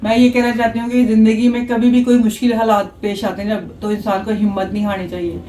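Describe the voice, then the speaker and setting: A woman chatting casually on a family vlog, giving earnest advice and talking quickly. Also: on the high side, little pitch movement, dark tone, a little hiss or hum. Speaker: family vlogger. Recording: roomy, distant home recording.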